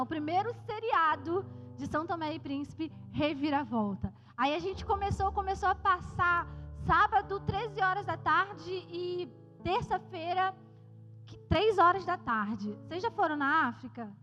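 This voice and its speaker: A Brazilian woman missionary giving a joking, lively testimony to a youth church service. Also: very high-pitched. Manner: lively, joking storyteller addressing the crowd. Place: church hall. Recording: reverberant church hall, slightly dull sound, music behind.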